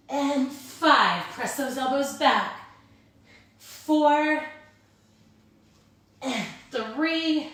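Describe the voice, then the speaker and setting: A woman with a fairly high voice instructs a live Pilates class. She cues and counts in an informal, encouraging manner. The recording is very reverberant, with her voice some distance from the microphone. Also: fairly bright tone. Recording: very echoey room, distant microphone.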